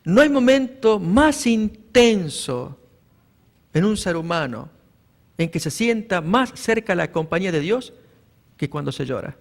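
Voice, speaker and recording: A man with a notably high voice preaches a sermon as pastor. He reads scripture with emphatic rises and speaks to his listeners as brothers. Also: very animated, measured pace, gravelly, long reverb tail. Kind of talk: evangelistic sermon.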